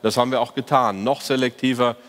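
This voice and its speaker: A man's voice: mid-range voice, fairly even intonation, fast talker, a bit bright. A man giving a conference talk as a fund manager, reviewing the market year in an opinionated, ironic way with frequent hesitations. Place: conference hall, on stage. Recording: reverberant conference hall.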